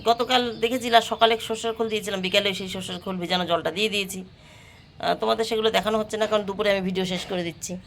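A woman's voice: mid-range voice, fairly bright tone, a little hiss or hum. A woman talks casually to her viewers as friends while she moves through her chores. She is recorded on a handheld phone camera in her home and rooftop garden, with faint household ambience behind her. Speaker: vlogger. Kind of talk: casual daily-life vlog narration.

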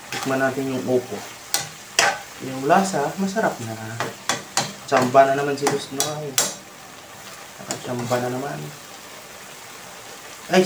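A man with a Filipino accent talks casually to his viewers while cooking, giving shout-outs between stirs. The sound is roomy, picked up in a home kitchen, with loud sizzling and the clatter of pans behind him. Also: a little high, very noisy. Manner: chatty, greeting viewers while stirring. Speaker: cooking vlogger. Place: home kitchen, indoors, at a stove.

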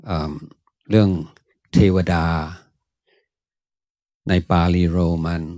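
Low-voiced monk answering dhamma questions, real slow, lots of long "ah" pauses. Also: male voice, darkish tone, no echo. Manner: slow, thoughtful, many drawn-out "ah" pauses. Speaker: Buddhist monk teacher.

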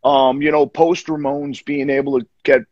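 A man's voice: mid-range voice, moderate pace, no echo. Man, 50s, New York accent, rambling casual guest, video call, lo-fi dull sound. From Long Island, New York. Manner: relaxed, rambling with many restarts and fillers. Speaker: guest musician. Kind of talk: casual interview chat. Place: home room, indoors.

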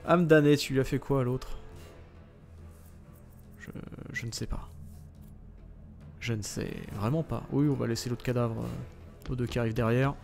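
A man's voice: medium pitch, fairly even intonation, normal speed, creaky, pauses often, a little mellow. A man giving casual, sarcastic commentary while playing a video game, swearing freely and muttering to himself. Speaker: gaming video host. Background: faint game music.

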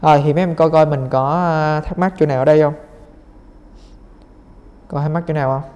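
A man's voice: fairly high pitch, steady tone, a little fast, a little mellow, long reverb tail. A young man teaching English, patiently going through exam answers step by step and speaking directly to his students. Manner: patient, step-by-step explaining, addressing students as "mấy em".

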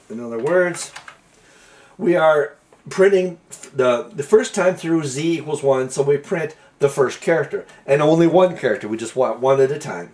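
Folksy man explaining code, higher voice. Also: darkish tone. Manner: folksy and rambling, with many restarts and fillers. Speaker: programming tutorial host. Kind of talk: casual screen-recorded coding lesson.

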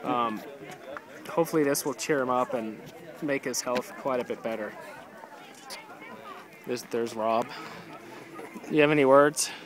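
A man's voice: medium pitch, measured pace, long pauses. A young man casually vlogging a hike into a handheld camera, joking and offhand. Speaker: vlogger filming a hiking trip. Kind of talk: casual vlog narration. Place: outdoors at a busy scenic lookout. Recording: busy crowded outdoor spot.

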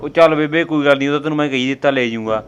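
A man's voice: a little high, rapid-fire, clear, resonant tone, highs cut off, natural voice. A man acting a student grandson who keeps reassuring his grandmother that he will take her once his exams end. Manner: placating, reassuring. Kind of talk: family comedy skit acting.

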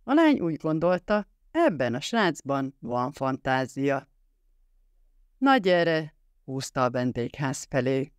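An audiobook reader giving a measured, even narration of a novel. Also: medium pitch, clean tone, no room sound, clean studio sound.

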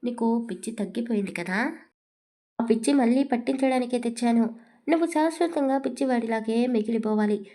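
A woman's voice: a little high, a little fast, mellow, lightly acted. A woman reading the lines of a stern, vengeful young husband in a storybook, speaking firmly and commandingly. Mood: cold. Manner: commanding, cold, firm.

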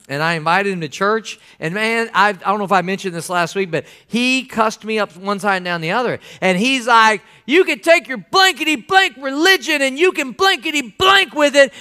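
High bright-voiced preaching man. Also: clean tone. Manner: animated preaching, acts out quotes loudly; folksy asides with "amen?" and "man". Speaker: pastor. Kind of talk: sermon.

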